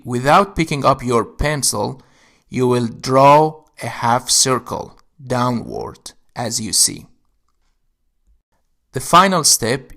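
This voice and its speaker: Slow, gravelly male Arabic teacher. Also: mid-range voice, fairly bright tone. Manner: slow, step-by-step explaining. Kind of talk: instructional narration.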